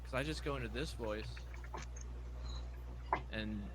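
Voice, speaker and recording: A man's voice: lowish voice, quick pace, fairly bright tone. A man gamer joking casually with friends over voice chat. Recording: very noisy voice chat mic.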